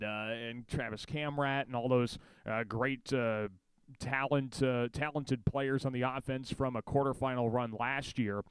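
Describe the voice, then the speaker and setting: An American man hosts a football pregame show on radio. His voice is smooth and clean, recorded dry, in conversational sports commentary. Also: mid-range voice, no room sound, low-quality recording. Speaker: sports director and play-by-play announcer.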